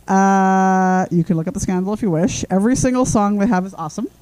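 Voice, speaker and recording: A woman's voice: medium pitch, steady tone, fairly quick, mellow, low-quality recording. A young woman, co-hosting a casual podcast and gushing about bands, swearing and singing along to lyrics. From Canada. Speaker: podcast co-host.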